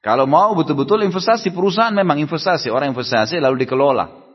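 A man preaches to a study gathering, answering questions in a loose, conversational manner and throwing rhetorical questions at his listeners. His voice is a little husky, at a middling pitch. The sound is dull and lo-fi, with a long hall echo around it. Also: fast talker. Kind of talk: sermon Q&A at a religious study gathering.

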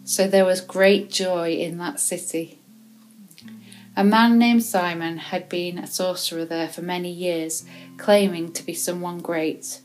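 A woman reading a Bible chapter aloud in a measured, even way, now and then correcting a word. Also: lowish voice, faint music behind, low-quality recording. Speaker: scripture reader.

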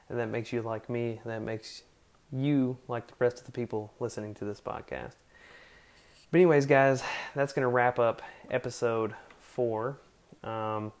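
A man hosting a casual faith podcast, talking in an earnest, rambling way with lots of fillers. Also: medium pitch. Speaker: podcast host.

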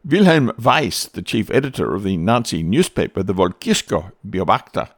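A man giving scripted history narration with an expressive, storytelling delivery. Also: lowish voice, normal speed, dry recording, clean studio sound.

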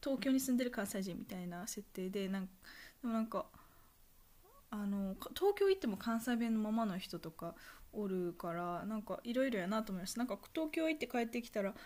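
A young woman with a Kansai accent, talking casually on her own podcast in a soft, rambling way full of fillers. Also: mid-range voice, animated, brisk. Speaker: podcast host. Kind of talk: casual solo monologue.

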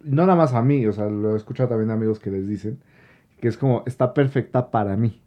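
A man's voice: lowish voice, quick pace, lo-fi sound. Joking young Mexican man, crude slang. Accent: Mexican Spanish. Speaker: podcast co-host. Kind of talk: casual chat.

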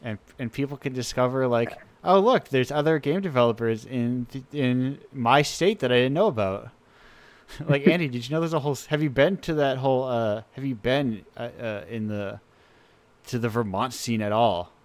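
A man hosts a casual radio show and talks with eager enthusiasm, circling back and restarting his sentences. His voice sits at an ordinary pitch and sounds dry and close, with no room around it. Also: moderate pace, dry recording. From United States. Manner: rambling, enthusiastic, frequent restarts. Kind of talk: casual chat.

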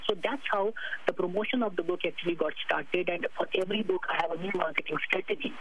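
A high-voiced man with a Pakistani accent speaks as a guest author in a radio interview. He promotes himself, repeating phrases and naming himself in the third person. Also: fast, breathy edge, muffled recording.

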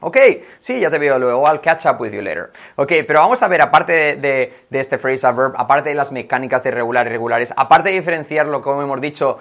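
A man teaching a language lesson online, lively and chatty, often checking in with the viewer and repeating words for practice. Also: medium pitch, a little fast, few pauses. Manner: lively, keeps checking in with "vale" and "ok"; models words by repeating them.

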